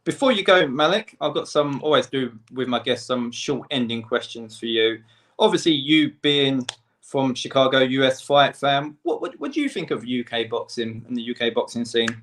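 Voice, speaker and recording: A man hosting a casual boxing interview, asking brief questions and giving steady backchannel. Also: medium pitch, moderate pace, slight background noise. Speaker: interview host.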